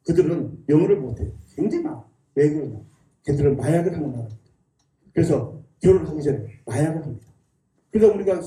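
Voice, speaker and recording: Guy with a high mellow voice giving a church lecture, makes the crowd repeat words after him, sounds far off the mic. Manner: drills the audience in call-and-response repetition; folksy, chuckling delivery. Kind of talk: public lecture to a live audience. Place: church hall. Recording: echoey hall, mic at a distance.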